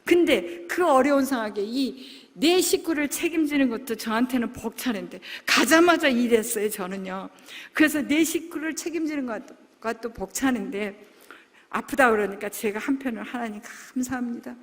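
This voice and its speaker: A middle-aged woman, a pastor's wife, giving an earnest, emotional testimony sermon, moving from soft asides to loud exclamations. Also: a little high, animated, moderate pace. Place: large church hall. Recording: long hall reverb.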